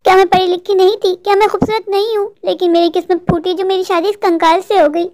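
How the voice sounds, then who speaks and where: A woman's voice: very high voice, little pitch movement, quick pace, darkish tone. A woman voicing a discontented young wife in a cartoon dub, complaining bitterly about her poor life. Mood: grumbling.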